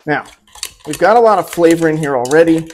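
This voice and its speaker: A man in his forties hosting a relaxed home cooking demonstration from his kitchen, easygoing and chatty, with asides to the viewer. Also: a little high, fairly quick, a little hiss or hum. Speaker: cooking show host.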